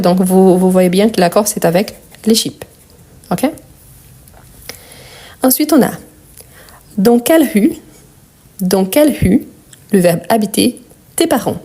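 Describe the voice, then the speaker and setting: With a warm, medium-pitched voice, a Brazilian-accented French teacher whose first language is Portuguese guides a live class through grammar. She's patient, repeating things and spelling out word endings.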